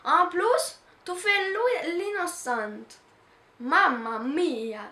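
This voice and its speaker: A woman reading a storybook aloud, voicing an angry middle-aged Italian grocer who shouts and scolds. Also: very high-pitched, extremely slow, echoey room, pitched above the performer's own voice, full character voice. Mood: furious. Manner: shouting, scolding, theatrical outbursts.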